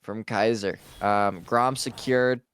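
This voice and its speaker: A man's voice: lowish voice, steady tone, slow pace, a bit bright, smooth. A man doing color commentary on a video game match, casual and sarcastic, calling his partner bro.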